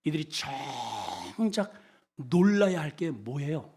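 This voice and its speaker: High, animated Korean pastor preaching. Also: male voice, slow, breathy edge. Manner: dynamic, swings from loud exclamations to low quiet asides; shouts often in his preaching. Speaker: senior pastor. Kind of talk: sermon.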